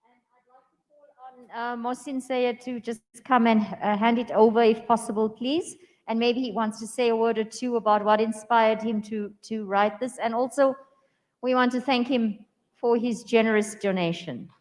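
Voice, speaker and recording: Woman, organizer, polite formal announcement, fairly high voice, hall reverb. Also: fairly even intonation, normal speed, darkish tone. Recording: distant mic in hall.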